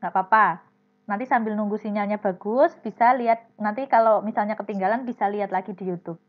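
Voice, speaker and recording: A woman's voice: medium pitch, fairly even intonation, brisk. A woman teaching a primary class online, explaining step by step and calling on students by name. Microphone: video call. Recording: dull lo-fi video call audio.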